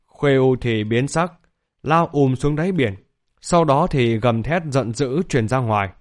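A man's voice: mid-range voice, a little slow. Man narrating a fantasy audiobook. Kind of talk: scripted story narration.

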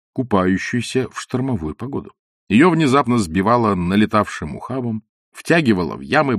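A man giving an expressive, theatrical audiobook narration of a novel. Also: medium pitch, no room sound, studio quality. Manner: animated, theatrical reading. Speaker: audiobook reader.

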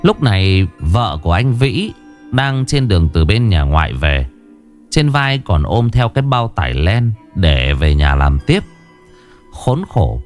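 Nam kể truyện ma, giọng trầm, ngữ điệu lên xuống sinh động, nhạc nền nhẹ. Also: male voice, fairly low pitch. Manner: dramatic, lively telling. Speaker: storyteller. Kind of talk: horror story narration.

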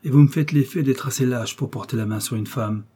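A man voicing a cunning, fierce young noblewoman who answers with indignant defiance, in a husky voice. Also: mid-range voice, brisk, mellow, natural voice.

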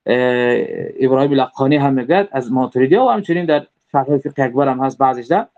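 A man's voice: mid-range voice, darkish tone. A man with a Tajik Persian accent gives a religious creed lesson, explaining step by step with repeated rephrasing and frequent hesitant fillers. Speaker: religious teacher. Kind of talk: lecturing on creed. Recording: dull lo-fi recording.

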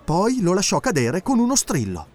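A man reading an adventure audiobook aloud with dramatic, expressive narration. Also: high voice, normal speed, soft background music. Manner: expressive, animated storytelling.

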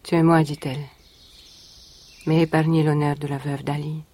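An actress in a 1980s radio drama playing a young woman who was once a captive, telling her story in a measured, solemn way. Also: low voice, flat delivery, dark tone. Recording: vintage radio recording.

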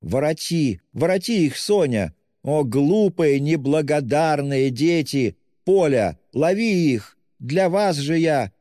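A man voicing a frantic, desperate impoverished widow with shrill, haughty outbursts in an audiobook. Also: expressive, moderate pace, darkish tone, no room sound, studio quality, in a large hall, close to an everyday voice. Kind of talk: audiobook character voice.

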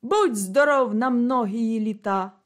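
A woman's voice: a little high, takes it slowly. Matviy, a woman doing a boisterous drunk man. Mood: rowdy. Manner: boisterous, shouting toasts. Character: drunk, reveling young man at a fair.

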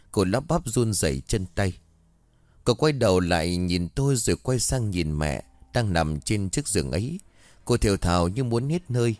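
A man narrating a first-person ghost story in a dramatic, expressive way. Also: fairly low pitch, no echo.

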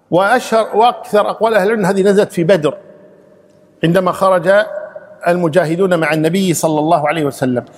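A man's voice: high voice, in a large hall. A man, a sheikh giving an emphatic Quran exegesis lesson, reciting verses and repeating key phrases.

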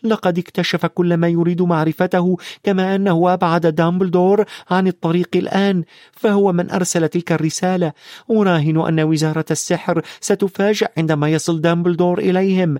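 A man's voice: high-pitched, steady tone, fast, darkish tone, no echo, clean studio sound, pitched above the performer's own voice, natural voice. A man voicing an anxious young schoolboy who speaks in a raised, urgent, insistent way.

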